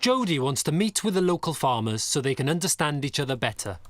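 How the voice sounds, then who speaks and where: A man's voice: fairly high pitch, very animated, fast talker. A man reading scripted documentary narration. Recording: music bed under narration. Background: music.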